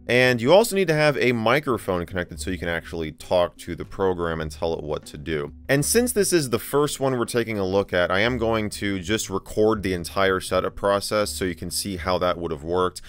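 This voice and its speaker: A man hosting a tech video, narrating a software demo in a casual, conversational, wryly amused way. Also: low voice, clear, resonant tone. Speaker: host of a tech video channel.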